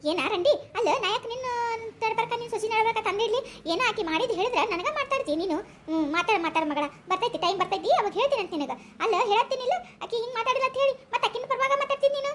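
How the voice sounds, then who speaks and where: A woman voicing a sharp-tongued, stubborn old grandmother with a North Karnataka accent, scolding in coarse village speech in a comic sketch. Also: very high voice, very fast, a little hiss or hum. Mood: defensive. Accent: North Karnataka Kannada.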